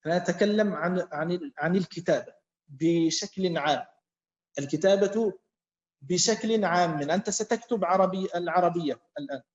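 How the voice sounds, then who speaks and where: A man with a high voice teaches a class. He speaks slowly, repeats key words and keeps quizzing his students. The sound is echoey and muffled. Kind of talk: classroom lesson with student questions.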